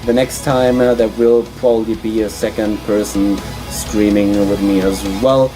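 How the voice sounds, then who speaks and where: A German man with a German accent casts an esports stream solo from a small studio, chatting away with plenty of fillers and restarts. His voice is lowish and dark, with fairly even intonation at a normal speed, and faint music plays in the background.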